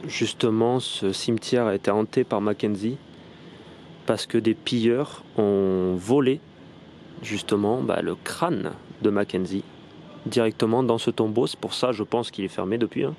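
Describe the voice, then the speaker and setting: A man from France with a French accent, vlogging a paranormal investigation outdoors in a cemetery, recorded on a phone. He talks in a rambling way, often correcting himself, and slows down and turns polite when he calls out to spirits. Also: lowish voice, creaky, darkish tone, slight background noise. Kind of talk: casual vlog.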